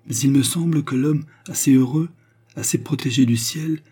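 Courtly seductive count, read by a man, soft earnest speech, dark husky tone, audiobook. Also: on the low side, moderate pace. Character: smooth noble count, a gallant seducer. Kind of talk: audiobook character reading.

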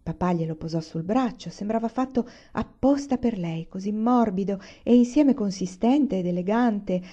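A woman reading a novel aloud in an expressive storytelling manner. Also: medium pitch, moderate pace, dull audio. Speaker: reader. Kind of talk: audiobook reading.

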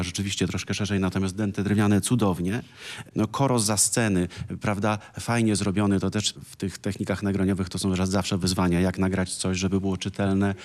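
A man's voice: on the low side, a little mellow. A man music critic on a radio panel in a studio, talking in an enthusiastic, expansive way with frequent exclamations.

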